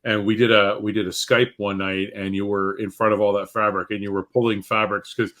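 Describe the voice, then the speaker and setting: A man hosting a podcast in casual chat, with a halting, conversational delivery. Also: fairly low pitch, little pitch movement, a bit bright. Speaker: podcast host.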